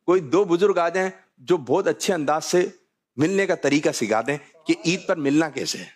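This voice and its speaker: A man's voice: a little high, expressive. A man hosting a religious talk show, jovial, often repeating his key phrases. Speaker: host.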